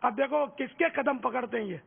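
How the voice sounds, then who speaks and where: A man's voice: extremely high pitch, creaky, husky, long reverb tail. An older man, a religious scholar, explaining answers and correcting pronunciation on a quiz show. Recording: tinny phone-like broadcast audio.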